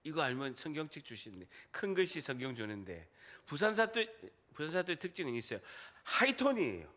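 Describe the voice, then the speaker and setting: Lively Gyeongsang-accented male pastor preaching. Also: on the high side, a little fast. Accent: Gyeongsang dialect. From Busan, South Korea. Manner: animated, quizzes the congregation and jokes. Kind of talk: sermon.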